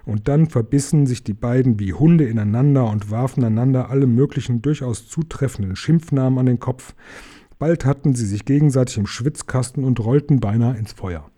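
A man reading a storybook aloud in calm, measured narration. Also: medium pitch. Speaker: audiobook reader.

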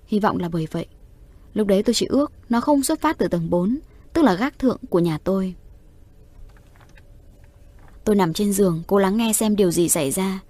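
A woman reading a horror story aloud in a steady, suspenseful voice. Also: mid-range voice, fast talker, dry recording. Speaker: narrator. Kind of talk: audio horror story narration.

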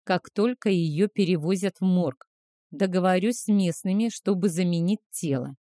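A woman voicing a calm, commanding clan man. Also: on the low side, normal speed, no echo, clean studio sound, natural voice. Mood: calm, planning. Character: adult male clan leader, tender, commanding.

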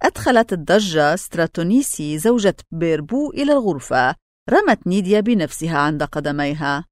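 A woman reads a story aloud for an audiobook with expressive, dramatic delivery. Her pitch moves widely and lively. The recording is close and dry, with no room echo. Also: brisk. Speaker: audiobook narrator. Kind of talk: scripted storybook narration.

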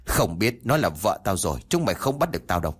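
A man voicing the ghost of a dead man who possesses someone, shouting curses, then crying and begging for mercy. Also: sits low, sing-song, fast, breathy edge, full character voice. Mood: sullen. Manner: shouting, whining and sobbing.

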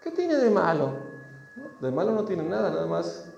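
A man's voice: high-pitched, big pitch swings, normal speed, vocal fry, a little mellow. A man preaching a sermon in a church, with rising emphasis, who acts out little dialogues. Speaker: pastor. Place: church hall. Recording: echoey hall, dull sound, faint noise.

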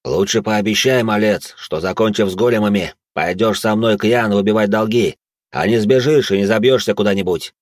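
A man's voice: on the low side, fairly quick, no room sound, clean studio sound, close to an everyday voice. A man voicing a mocking, battle-hardened old man in an audiobook who sneers and barks orders. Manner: gruff, sneering, barks commands.

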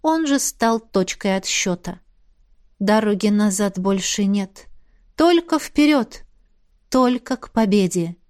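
A woman narrating a first-person fantasy audiobook with a lively, expressive reading. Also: mid-range voice, a little slow.

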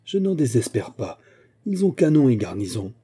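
Proud aging musketeer captain, indignant and sharp-tongued, dark husky tone, read by a man. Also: medium pitch, sing-song, normal speed. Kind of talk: audiobook reading.

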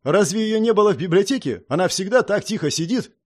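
A man's voice: sits high, animated, quick pace, voice pushed up. A man voicing a curious, eager young bard who asks questions in an inquisitive way, in an audiobook. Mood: startled. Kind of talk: audiobook character voice.

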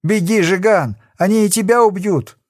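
A frightened young convict whines and begs for mercy, as a male audiobook reader puts him on. His voice sits high and swings up and down as he pleads, heard close and dry. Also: big pitch swings, moderate pace, darkish tone, breathy edge, no room sound. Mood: urgent. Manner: pleading, whining.

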